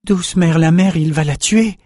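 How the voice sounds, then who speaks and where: A man's voice: a little high, measured pace, dark tone, no echo, clean studio sound, pitched above the performer's own voice. Urgent young captive read by a man, raised voice, audiobook figure. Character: young male prisoner, eager, loyal to friends.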